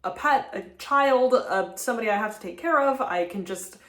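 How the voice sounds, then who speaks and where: A woman's voice: on the high side, lively intonation, moderate pace, a bit bright. Casual woman vlogger in an echoey room. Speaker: host. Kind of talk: casual vlog chat, reacting to voicemails.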